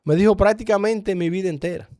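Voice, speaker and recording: A man's voice: high voice, fast, a little mellow, no echo, clean studio sound. A man with a Dominican accent earnestly giving a personal testimony in conversation, acting out the dialogue as he goes. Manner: earnest storyteller, acts out dialogue.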